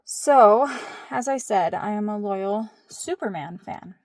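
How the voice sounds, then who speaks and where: A woman's voice: medium pitch, animated, slow, dry recording, clean studio sound. A woman in her thirties telling a family story in a playful, mock-dramatic way, dropping into whispered asides. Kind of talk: casual storytelling.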